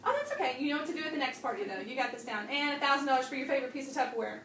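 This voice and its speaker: A woman's voice: high voice, expressive, very fast, fairly bright tone, a little hiss or hum. Woman, bubbly chatty trainer, roomy room sound, distant mic. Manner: bubbly, chatty, laughs often. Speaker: Tupperware consultant trainer. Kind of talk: training demonstration to a small group. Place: room with guests at a party demo.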